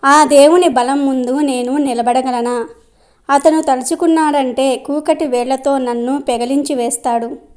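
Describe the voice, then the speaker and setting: A woman voicing a proud, boastful giant silk-cotton tree in a storybook tale, in a high voice. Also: fairly even intonation, measured pace, darkish tone, soft background music. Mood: worried. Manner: boastful, then worried.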